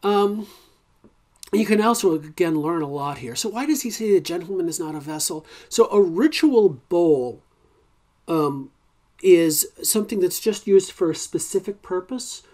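A man's voice: high voice, animated, unhurried, a little mellow. A man teaching a recorded college ethics lecture in a conversational way, with many fillers and restarts and wry, informal asides.

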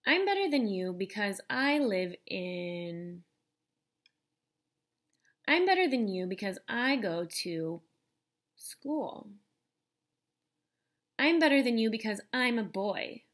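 Speaking straight to young children, a young teacher reads from a picture book in a slow, careful, expressive manner. Her voice is medium in pitch.

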